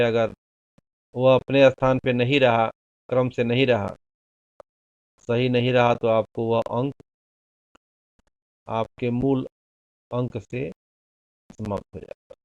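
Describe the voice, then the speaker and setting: Male teacher giving a slow classroom lecture, mid-pitched voice, dull dry lo-fi recording. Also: smooth, no echo. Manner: slow, deliberate explaining with examples. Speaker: Hindi teacher.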